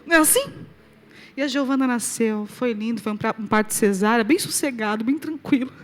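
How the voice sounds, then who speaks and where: A Brazilian woman with a high voice and a Brazilian Portuguese accent gives a lively testimony from the pulpit. Her story rises to loud, high exclamations and drops to soft, quiet asides. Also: a little fast. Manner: animated storyteller, swings loud and soft, laughs along. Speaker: preacher. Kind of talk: testimony to a live audience.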